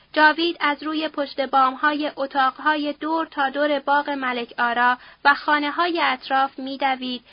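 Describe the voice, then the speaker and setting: Give me a woman with a high voice reading a novel aloud, with a dull, dry recording. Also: dry recording. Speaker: audiobook narrator.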